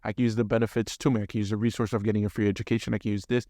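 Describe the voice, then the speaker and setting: Fast-talking male podcast interviewer. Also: lowish voice, little pitch movement, mellow, no echo, studio quality. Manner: conversational, probing questions. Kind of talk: interview conversation.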